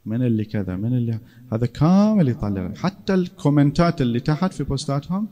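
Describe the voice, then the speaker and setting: A man's voice: medium pitch, big pitch swings, quick pace, warm tone, muffled recording. A man giving a casual classroom lecture, conversational and often checking in with his listeners.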